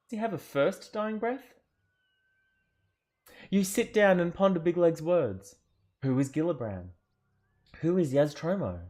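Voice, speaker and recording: A man's voice: fairly high pitch, a little mellow. A man narrating an interactive fantasy adventure book aloud, theatrical, with joking asides and self-corrections. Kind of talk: dramatic storybook narration.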